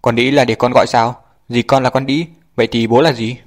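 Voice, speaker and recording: A man's voice: medium pitch, steady tone, racing, lightly acted. Man playing a stern middle-aged father, firm scolding tone, storybook dad.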